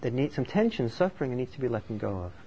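In this dharma talk, a meditation teacher from Norway speaks fast in a dark-toned, medium-pitched voice with big pitch swings, keeping things thoughtful and conversational. The recording is a bit dull, with faint background noise.

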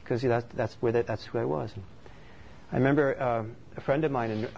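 A Norwegian meditation teacher gives a dharma talk in a thoughtful, unhurried, conversational way, his middle-pitched voice steady and darkish with vocal fry. The audio is slightly muffled, with a faint hiss underneath.

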